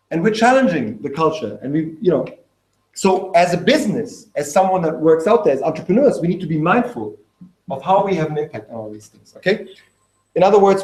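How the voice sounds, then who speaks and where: Man, lecture, slightly high voice, echoey room, engaging, keeps checking in with the audience. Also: darkish tone. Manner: engaging, checks in often with "okay?" and "right?". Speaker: speaker at a talk.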